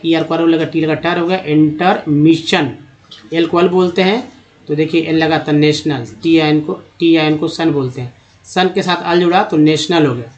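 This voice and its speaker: A man teaching English pronunciation in Hindi, slowly sounding out words one by one over slides. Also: a little high, highs cut off.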